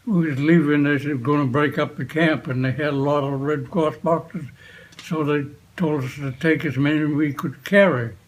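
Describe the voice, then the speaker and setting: An elderly man, a veteran, remembering his past in an unscripted interview, speaking in short, halting phrases with frequent pauses. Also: a little high, poor audio. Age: 80s or older. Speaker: war veteran being interviewed. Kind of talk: unscripted reminiscence, recalling the past.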